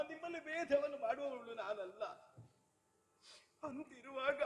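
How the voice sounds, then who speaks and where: A remorseful older queen pleads with her stepdaughter in a very high, bright voice, performed by a man in live Yakshagana. Her words ring with long hall reverb. She repeats herself in sorrow. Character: grieving queen stepmother, older woman, remorseful. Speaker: Yakshagana actor in female role. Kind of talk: live Yakshagana stage dialogue.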